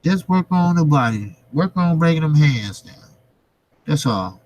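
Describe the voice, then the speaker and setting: A man with a voice on the high side, animated and a little mellow, is heard on a rough recording. He's a boxing vlogger hosting casual live commentary for viewers, informal and slangy with occasional swearing, repeating his phrases emphatically and letting them trail off into pauses.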